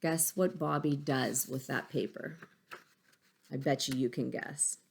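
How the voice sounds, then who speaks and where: Reading a picture book to young pupils, this schoolteacher uses simple, child-directed language and stops now and then for checking questions. Her voice is extremely low and gravelly, and she takes an unhurried pace. There's slight background noise.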